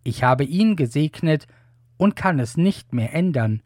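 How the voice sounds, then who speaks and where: Aged patriarch read by a man, solemn, unhurried, a little high. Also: lively intonation, darkish tone, no room sound, studio quality. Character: aged blind patriarch giving blessings.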